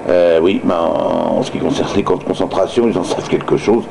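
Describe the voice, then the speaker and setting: A man's voice: low-pitched, fairly even intonation, fairly quick, gravelly, noisy background. A man reading news like an amateur radio host, stumbling and hesitating, with sardonic personal asides.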